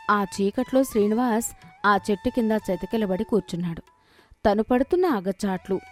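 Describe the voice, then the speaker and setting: A woman reading scripted storybook narration for a moral cartoon. Her delivery is steady and measured, her voice a little higher than middle.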